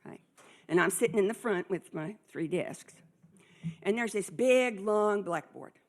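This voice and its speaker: A husky-voiced woman tells a story from the stage, her pitch leaping as she plays each person in the scene. She speaks to a conference audience in a loose, conversational way. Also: a little slow. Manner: animated storyteller acting out dialogue.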